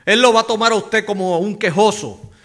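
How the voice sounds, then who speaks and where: A male pastor preaching with a high, bright, ringing voice. He presses his points with emphatic stress and rhetorical questions to the congregation. Between those loud stresses he drops into hushed, low phrases. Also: fairly quick, vocal fry. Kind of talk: sermon.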